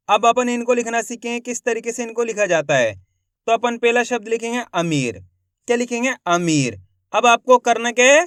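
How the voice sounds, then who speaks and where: A man teaching Hindi reading in a slow spelling lesson, breaking words into syllables and blending them, quizzing the viewer and then answering himself. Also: extremely high pitch, fairly bright tone, clean tone, dry recording, studio quality.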